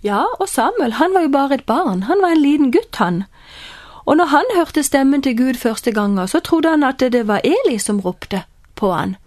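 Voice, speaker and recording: A woman teaches from the Bible in a calm, explaining way. Her voice is fairly high, and the recording is close and dry. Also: no room sound.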